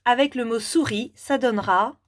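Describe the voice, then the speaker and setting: A woman teacher giving a children's reading lesson, talking slowly and deliberately and repeating syllables clearly. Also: fairly high pitch.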